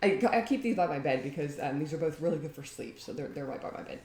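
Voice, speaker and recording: Lively intonation marks this low-pitched, fast-talking woman with a darkish tone as she demonstrates a homemade recipe. She's a home DIY vlogger, chatty and rambling with frequent laughter, recorded in a roomy space with a bit of hiss or hum.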